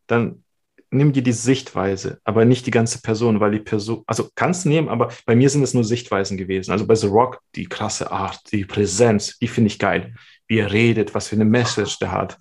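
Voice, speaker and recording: A man talking as a podcast guest, animated and quick in bursts, in casual conversation. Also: medium pitch, slightly rough.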